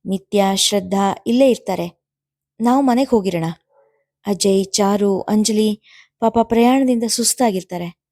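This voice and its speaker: A woman's voice: medium pitch, unhurried, pauses often, mellow, no room sound. Woman reading as a practical caring aunt. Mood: coaxing.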